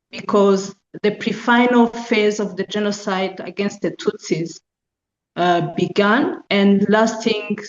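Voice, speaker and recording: A middle-aged woman from Eastern Rwanda, a genocide survivor and a foundation's deputy director, gives personal testimony as a guest lecturer in a university lecture room. She speaks slowly in a mid-range voice, measured and halting, choosing her phrasing deliberately. The sound is muffled and echoey.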